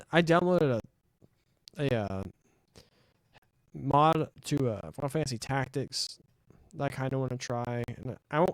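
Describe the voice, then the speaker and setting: A man streaming a game, chatting excitably and answering his chat with casual fillers. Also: mid-range voice, clean tone, no room sound, low-quality recording. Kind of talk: casual let's-play commentary.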